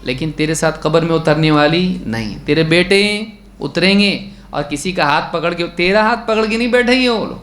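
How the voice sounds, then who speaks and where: A man gives a religious lesson on prayer in a slightly high voice, heard in an echoey room. He recites a line of Arabic text, explains it, and keeps putting questions to his listeners before answering them himself. His exhortations turn stern and pleading. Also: lively intonation, fairly bright tone. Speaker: religious teacher.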